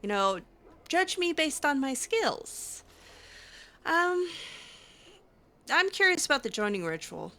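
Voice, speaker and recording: Playing through a game, a woman improvises in character as a gaming host, speaking casually and hesitantly with dry sarcasm. Her high-pitched voice is bright and forceful, swinging widely in pitch at a slow pace with long pauses.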